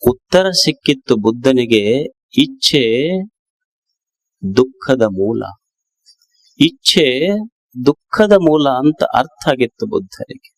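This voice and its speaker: A man with a North Karnataka Kannada accent giving a sermon as a swamiji, slow and emphatic, repeating key phrases. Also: on the high side. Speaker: swamiji preacher.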